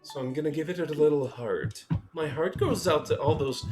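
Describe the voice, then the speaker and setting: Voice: medium pitch, moderate pace. A streamer in their thirties chatting casually and playfully with friends during a live game stream. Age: 30s. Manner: bubbly, playful, giggly asides. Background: music.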